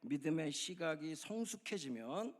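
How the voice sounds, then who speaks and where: Korean man preaching, lively storyteller. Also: fairly high pitch, measured pace. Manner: acts out inner voices with dramatic shifts in loudness; conversational, direct address to congregation. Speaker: pastor. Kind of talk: sermon.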